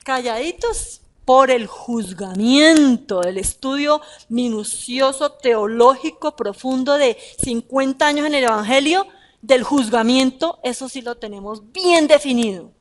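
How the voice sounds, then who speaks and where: A woman preaching a sermon, talking in an animated way with rhetorical questions and emphatic repeats. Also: high voice, a little slow.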